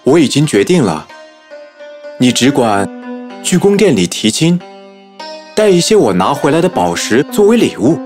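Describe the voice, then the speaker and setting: A man's voice: mid-range voice, very animated, moderate pace, long pauses, a little mellow, soft background music, lightly acted. A man playing an eager, impulsive, naive young man in an acted children's audio story. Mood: determined.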